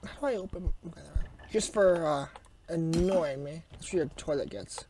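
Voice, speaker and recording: Raspy, sick gamer muttering through play. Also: medium pitch, moderate pace, a little mellow, slight background noise. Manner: mutters and grumbles to self, chatty asides. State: sick with a sore throat, coughing. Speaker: gaming YouTuber. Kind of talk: casual gameplay commentary.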